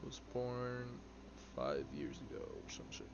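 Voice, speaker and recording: Young male streamer, early twenties, loose rambling chat with chat, slightly muffled audio and steady background hiss. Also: mid-range voice, measured pace. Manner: rambling, filler-heavy, answers chat offhand. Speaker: game streamer. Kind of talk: casual live-stream chat while playing. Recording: slightly dull audio with clear background noise.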